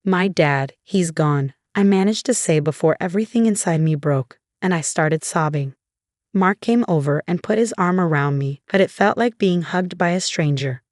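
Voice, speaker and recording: Low-voiced woman narrating a story. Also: moderate pace, a little mellow, dry recording, clean studio sound. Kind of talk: scripted first-person story narration.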